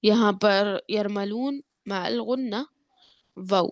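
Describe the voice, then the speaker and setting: A woman teaching a Quran lesson with tajweed rules, her voice affected by a cold. She explains step by step, often checks in with her students, and chants the verses slowly. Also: medium pitch, no echo, studio quality. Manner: slow drawn-out chanting when reciting verses.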